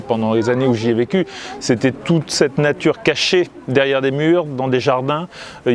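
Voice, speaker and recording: A man, a comic book artist, chats casually while strolling outdoors, pausing often with fillers and restarts. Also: medium pitch, darkish tone. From Italy and Grenoble, France. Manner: hesitant, many fillers and restarts. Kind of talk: casual walking chat to camera. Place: outdoors, seaside town streets and ramparts.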